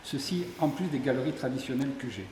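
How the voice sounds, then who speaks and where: Fast and a little mellow at medium pitch, a middle-aged sculptor from southern France's Ardèche talks through his work in an interview. He's inside a tourist office exhibition room, and the audio picks up the hall's echo and some faint background noise.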